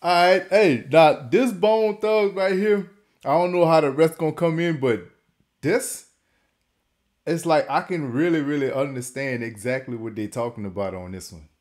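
A man's voice: mid-range voice, normal speed, darkish tone. A man hosting a casual reaction video, talking loosely, repeating words as he stumbles, and laughing often. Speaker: reaction channel host.

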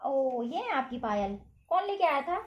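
A woman's voice: sits high, very animated, a little slow, highs cut off. A woman at home asking a toddler playful questions in a coaxing, sing-song baby-talk manner. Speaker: host of a toddler-activity channel. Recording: echoey room, faint background noise.

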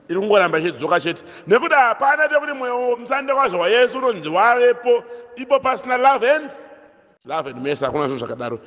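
A man's voice: very high voice, a bit bright. A man teaching a catechism lesson, questioning his listeners and repeating key phrases. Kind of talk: catechism lesson mixing Shona and English. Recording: dull sound with long hall echo.

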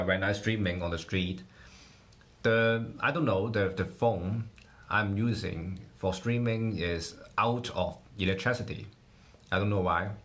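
Slow, halting man. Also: lowish voice, fairly bright tone. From Hong Kong. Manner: halting, repeats words while tasting. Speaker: livestreamer. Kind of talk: casual livestream food tasting.

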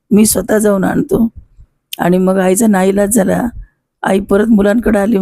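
Older woman with a warm gravelly voice. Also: mid-range voice, no echo, clean studio sound. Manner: unhurried, conversational, with pauses and self-corrections. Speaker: storyteller. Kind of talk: reminiscing oral storytelling.

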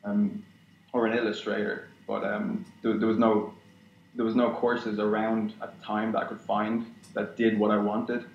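A young man on a video call, his voice low and flat in pitch as he works through his answers with lots of ums and restarts. The webcam sound is dull and roomy, with a faint hiss underneath. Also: moderate pace. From Ireland. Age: young adult. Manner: hesitant, many restarts and fillers. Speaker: guest concept artist. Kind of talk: casual interview chat. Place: small room at home, indoors.

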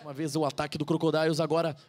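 A man's voice: a little high, flat delivery, very fast, a little mellow. A Brazilian man giving live play-by-play commentary on American football.

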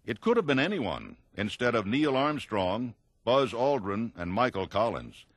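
A man giving scripted documentary narration in an even, informative way. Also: medium pitch, unhurried, dry recording. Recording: narration over clear music.

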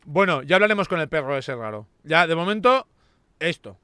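Man, bright voice, lively pitch, dry close sound, bossy haggling role-play chat. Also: a little fast, clean tone, dry recording. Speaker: streamer and role-play player.

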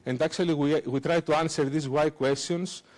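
Halting man giving a tech talk. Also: on the high side, fairly even intonation, darkish tone. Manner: halting, many fillers and restarts, non-native phrasing. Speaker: conference speaker. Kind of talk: technical conference talk with live demo. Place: lecture room at a conference. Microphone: handheld microphone.

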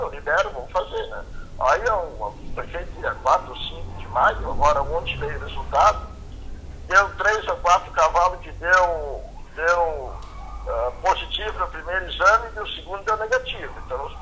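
High, bright man on a phone line. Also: slight background noise. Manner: plain-spoken, halting, ends points with "né?". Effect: heard over a telephone line. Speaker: horse owner interviewed by phone. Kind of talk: casual phone interview.

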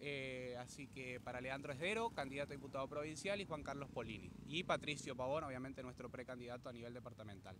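A man's voice: medium pitch, quick pace, few pauses, noisy background. A man making an earnest campaign appeal in a street interview outdoors. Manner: earnest, repetitive fillers. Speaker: campaign supporter.

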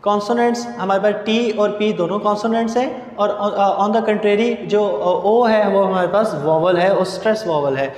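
A man giving an English grammar lecture over slides, explaining slowly and spelling out words letter by letter. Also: sits high, a little mellow. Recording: echoey room with long reverb.

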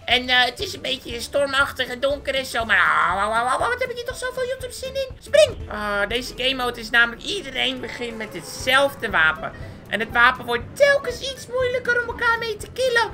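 A performer voicing a squeaky, hyper, cartoonish young male gamer, chattering boastfully through gameplay commentary. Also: moderate pace, soft background music, heavily acted. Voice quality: squeaky, swooping, with sudden high squeals. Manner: excitable, boastful, chatters nonstop at the screen. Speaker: game commentator.

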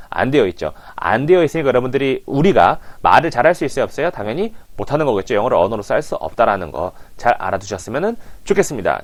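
A man teaching English as a coach, animatedly prompting listeners to repeat phrases, on a lapel mic. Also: mid-range voice. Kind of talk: language lesson.

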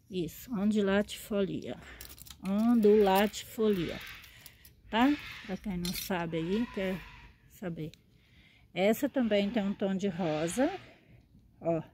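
A woman talks slowly and fondly as she shows off her plants, often checking in with her viewers. Her voice is mellow and unhurried, like a casual show-and-tell vlog. A faint hum of ambience sits behind her. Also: mid-range voice. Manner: chatty, fond, checks in with "tá?" and "né?". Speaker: succulent grower and seller.

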